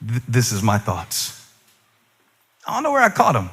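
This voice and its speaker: A man preaching a sermon to a congregation, talking conversationally and then rising to loud exhortation. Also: mid-range voice, huge pitch swings, normal speed, a little hiss or hum. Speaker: pastor.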